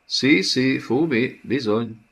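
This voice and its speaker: A man's voice: medium pitch, creaky, fairly bright tone, breathy edge, pitched above the performer's own voice. A man voicing a small, bald, crafty male prisoner who talks in a fawning, wheedling way.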